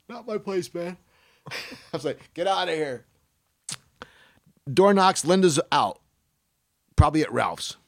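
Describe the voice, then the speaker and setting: Older male podcast host in his sixties: loose, rambling storyteller with a slightly raised pitch, close and dry. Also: a little mellow, no room sound. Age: 60s. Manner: rambling storyteller, swears freely, acts out quotes. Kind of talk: casual podcast chat.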